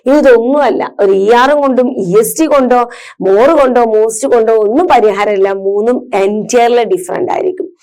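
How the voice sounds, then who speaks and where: A woman's voice: fairly high pitch, normal speed, mellow. A woman teacher patiently explaining grammar to children, asking and answering her own questions. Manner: patient, asks and answers her own questions, mixes English terms into Malayalam.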